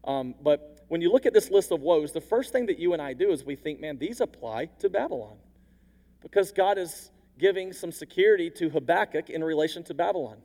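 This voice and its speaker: A man preaching a sermon as a pastor, moving between quiet intimate passages and loud emphatic ones. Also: fairly high pitch, lively intonation, a little fast, in a large hall.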